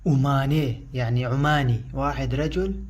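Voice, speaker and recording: A man whose first language is Pashto, teaching a language lesson and repeating each word slowly and loudly before he explains it. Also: medium pitch. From Afghanistan.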